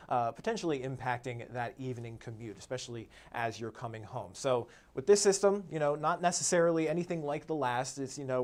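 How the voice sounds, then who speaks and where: A man presents a live weather update as a meteorologist, talking in an easygoing, conversational tone. His voice sits at an ordinary middle pitch, and "uh" fillers often break up his sentences. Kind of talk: live-streamed weather forecast.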